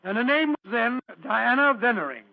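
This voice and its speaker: An actor playing an elderly, courteous British Doctor Watson in a vintage radio drama, chuckling and hesitating as a storyteller. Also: male voice, extremely high pitch, sing-song, normal speed, creaky, no echo, heavily acted. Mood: reminiscing. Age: older. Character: genial, doddering elderly Doctor Watson, storytelling old gentleman. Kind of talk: 1940s radio acting. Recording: dull, lo-fi old radio recording.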